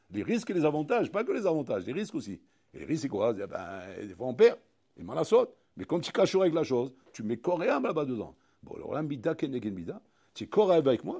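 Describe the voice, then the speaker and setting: Man, rabbi teaching, lively swooping delivery, mellow husky tone, addresses audience directly. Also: fairly high pitch. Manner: animated, addresses listeners directly, acts out little dialogues. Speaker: rabbi teaching a Torah class. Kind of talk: recorded Torah lesson.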